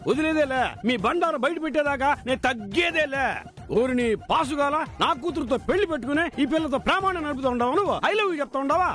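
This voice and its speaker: An actor playing a hard-of-hearing older father, loud, scolding and comic, over background music. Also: extremely high pitch, quick pace. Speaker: bride's father.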